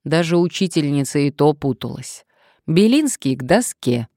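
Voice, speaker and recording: A quiet, unassuming middle-aged man , as a woman narrator puts him on, complains about his old nicknames in an audiobook. He sounds plaintive and a little put-upon, in a dark, low register. The reading is dry and close. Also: big pitch swings, moderate pace, no room sound. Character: shy middle-aged male turnstile guard.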